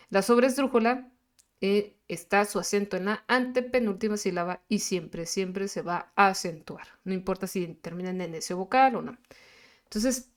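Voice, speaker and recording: A woman teaches in a screen-recorded lesson. She speaks at a middle pitch and explains slowly and patiently. She pauses often and fills the gaps with hesitant sounds.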